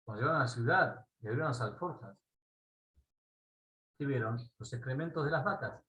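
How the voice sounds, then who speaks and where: A man with an Argentine accent teaching a Torah class. He tells a parable in a lively way and often checks in with his listeners. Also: mid-range voice, brisk, low-quality recording. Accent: Argentine Spanish. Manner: animated storyteller, asks listeners "¿sí?" often.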